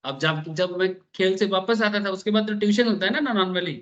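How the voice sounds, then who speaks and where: Male teacher, high voice, chatty classroom lecture, mixes english terms, dull lo-fi sound. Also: fairly quick, fairly bright tone. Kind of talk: classroom lecture on business law.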